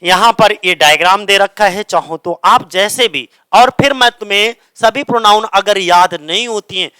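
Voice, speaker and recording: Male tutor, clear smooth voice, dry close sound, drills key terms by repetition. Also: high voice, moderate pace, sharp tone, no room sound. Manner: asks questions and answers them himself, repeats key words. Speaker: teacher. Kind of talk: grammar lesson explaining in Hindi.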